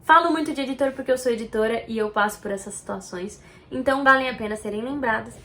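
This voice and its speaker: Brazilian woman, slightly high voice, expressive direct-address tutorial host. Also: quick pace. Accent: Brazilian Portuguese. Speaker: video editor giving on-camera tips.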